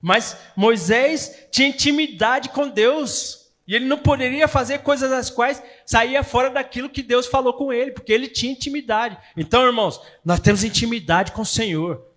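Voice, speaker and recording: A man with a Brazilian Portuguese accent preaching a sermon in church, swinging between loud and soft and acting out quoted voices. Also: very high voice, normal speed, few pauses.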